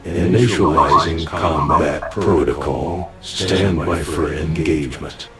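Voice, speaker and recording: Super deep slow robot villain booting up, synthetic voice, loud music behind. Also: male voice. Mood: menacing. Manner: slow, flat machine announcements. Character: cold menacing male robot villain booting up.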